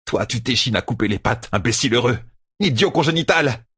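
A man voicing a hateful, scheming female sorceress who snarls insults in a raised, husky voice. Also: medium pitch, expressive, fairly quick, a bit bright, pitched above the performer's own voice. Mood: gloating.

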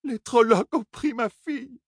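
A man voicing a grieving old grandmother who cries and begs in a shrill, wailing voice. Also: unhurried, breathy edge, dry recording, studio quality, full character voice. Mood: sobbing. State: crying.

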